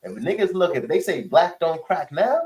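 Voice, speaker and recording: A man's voice: fairly high pitch, big pitch swings, moderate pace, a little mellow, a little hiss or hum, poor audio. A man, rambling through casual slangy chat and often checking in with the listener. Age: late 30s.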